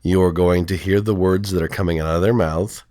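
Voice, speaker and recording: A male counselor with a voice lowered by illness, explaining in a rambling, hesitant way full of fillers. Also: fairly even intonation, normal speed, mellow, dry recording, studio quality. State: sick, voice lowered from strep throat. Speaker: counselor and podcast co-host. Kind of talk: casual podcast conversation.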